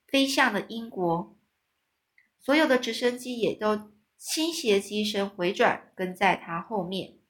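Woman reading a children's story aloud. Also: medium pitch. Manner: stops to explain hard words simply, relaxed, with restarts.

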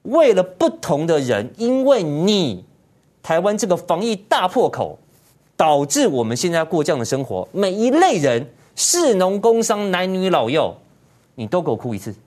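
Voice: mid-range voice, very animated, moderate pace, darkish tone. A political commentary host, ranting indignantly in heated commentary and firing off repeated rhetorical questions.

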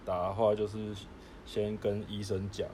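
A man's voice: fairly low pitch, level tone, normal speed, dark tone, a little hiss or hum. A man with a Taiwanese accent co-hosting a casual chat, often stammering and repeating his words. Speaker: podcast co-host.

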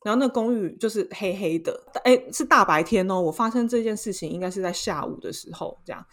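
A young woman with a Taiwanese Mandarin accent, co-hosting a podcast and telling a story in a casual, lively way, acting out voices as she goes. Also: medium pitch, a little fast. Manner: animated, acts out voices in her story. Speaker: podcast co-host.

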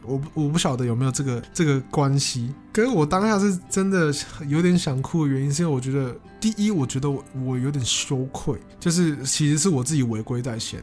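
A man's voice: mid-range voice, a little mellow. A young man tells a personal story in an earnest, stammering way, often repeating words. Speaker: vlogger.

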